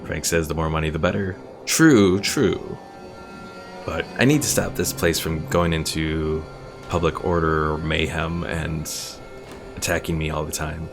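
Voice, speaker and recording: Over game music, a male video game streamer offers relaxed live commentary on his gameplay. He has a bass voice and a measured pace, thinking out loud and explaining how things work.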